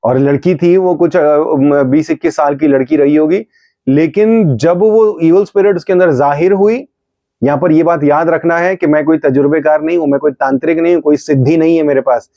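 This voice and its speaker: A man's voice: on the high side, normal speed, mellow, no room sound. A middle-aged man, a pastor, telling his testimony in a fervent sermon, acting out his own rebukes as he goes. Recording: slightly dull, dry recording.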